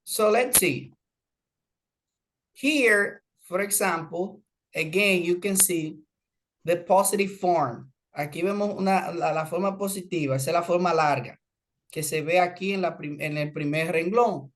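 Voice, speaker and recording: A woman English teacher with a low voice gives an online class lesson. She explains slowly in Spanish and works in English examples.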